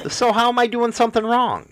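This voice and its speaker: A man's voice: very high voice, moderate pace. A man hosting a podcast in casual banter, teasing and profane. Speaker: podcast host.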